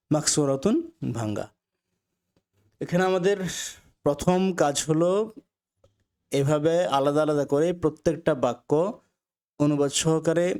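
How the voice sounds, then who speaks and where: Male Arabic tutor, Bengali speaker, slightly high voice, slow patient drilling. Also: a little mellow. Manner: slow drilled repetition with translations. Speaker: Arabic teacher. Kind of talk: recorded language lesson.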